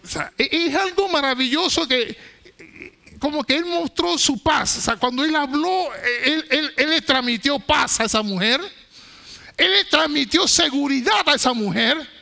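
A man delivers an emphatic sermon, alternating loud declarations with hushed, low phrases and stammering through repeated restarts. His intonation is lively, his pace measured, and his voice shows vocal fry.

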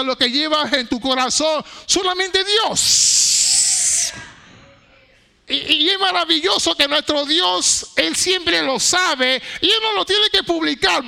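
A man preaching a sermon, emphatic, swinging between loud declarations and hushed low phrases, with repetitive stammering restarts. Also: vocal fry.

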